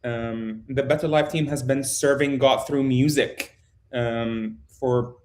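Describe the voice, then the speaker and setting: A man in his thirties who was born in Jordan and grew up in Egypt talks over a video call. His voice sits at an ordinary middle pitch, and he pauses often, restarting his sentences with plenty of ums. He speaks as a casual interview guest. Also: fairly even intonation. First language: Arabic. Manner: halting, many ums and restarts. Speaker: guest, photojournalist.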